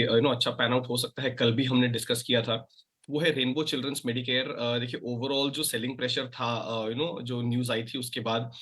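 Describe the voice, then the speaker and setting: A man, a market analyst guest, recommending trades with frequent pauses and filler sounds. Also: medium pitch, pushed and bright.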